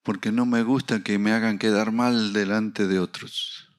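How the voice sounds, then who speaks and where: A middle-aged man preaching a sermon, telling a personal story with acted dialogue and rising to loud, emphatic peaks. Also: on the low side, steady tone, measured pace. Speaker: pastor.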